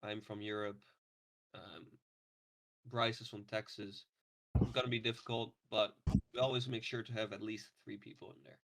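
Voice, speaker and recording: A man in his twenties hosting a casual podcast, relaxed and hesitant with many ums. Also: on the low side, normal speed, long pauses. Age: 20s. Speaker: podcast host. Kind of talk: casual chat.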